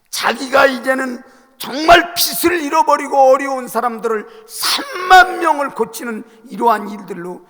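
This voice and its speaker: Pastor guy preaching, really high gravelly voice, gets loud calling out to the church, long echo in the sanctuary. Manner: emphatic preaching, swelling to loud calls to the congregation. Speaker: senior pastor. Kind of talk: Sunday sermon. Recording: long reverb of a church hall.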